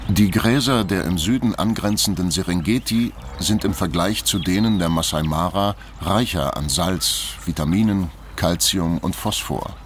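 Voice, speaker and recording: A man reading scripted nature documentary narration in a measured, factual storytelling manner. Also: sits low, slight background noise.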